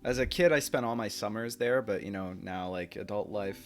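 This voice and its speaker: A laid-back young man from the United States streams and chats casually with his chat readers, laughing often and switching into Turkish. His voice is fairly low and fairly quick, with faint music behind him.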